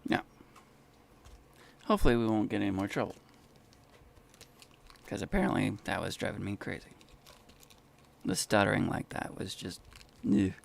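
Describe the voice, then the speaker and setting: A man's voice: on the low side, lively intonation, moderate pace, gravelly, pauses often. A man casually commenting on his game and muttering complaints about lag and connection trouble. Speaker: gamer streaming a solo playthrough.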